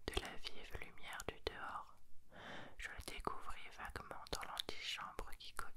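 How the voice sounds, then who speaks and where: A person whispering a novel aloud as an ASMR reader, close and breathy, in a deliberate storytelling manner. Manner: slow, deliberate literary storytelling. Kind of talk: whispered audiobook reading.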